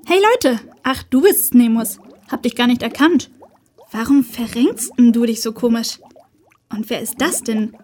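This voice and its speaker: Woman acting a curious, high-pitched young fish. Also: animated, unhurried, darkish tone. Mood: curious, cheeky. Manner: inquisitive, childlike. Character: curious, chatty young aquarium fish child. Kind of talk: German children's audio play acting.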